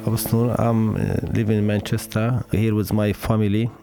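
A middle-aged man from Syria with a Syrian accent, telling his family's story in halting non-native English full of fillers and restarts. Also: fairly low pitch, little pitch movement. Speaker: interviewee, father. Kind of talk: personal testimony.

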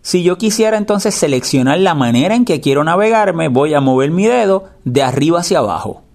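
A man's voice: on the high side, animated, a little fast, vocal fry, darkish tone. A man instructing in a screen reader tutorial, explaining patiently and repeating the key steps. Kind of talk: spoken step-by-step tutorial.

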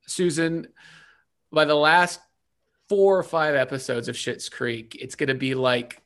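A man's voice: on the high side, a little slow, fairly bright tone. A man co-hosting a casual chat, talking enthusiastically and rambling a little. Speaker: co-host.

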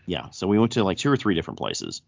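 A man's voice: sits low, wildly swooping pitch, fast talker, gravelly, husky. A man with a thick Southern US accent hosting a casual podcast chat, often stammering and repeating words as he goes. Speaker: podcast host. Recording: dull, roomy echo.

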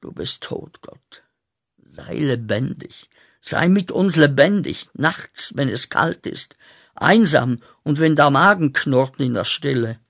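Radio play: a bitter young war veteran railing at God. Slow and gravelly with a husky edge, going from muttered to shouted. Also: male voice, mid-range voice, expressive, full character voice.

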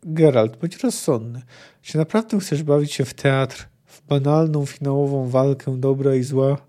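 A man reading aloud as a smooth male sorcerer villain, measured and persuasive. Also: medium pitch, mellow, close to an everyday voice.

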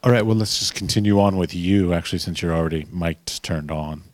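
A man's voice: sits low, brisk, darkish tone. An American man with an American accent, informally hosting a live panel discussion as moderator. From United States. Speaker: panel moderator, podcast host.

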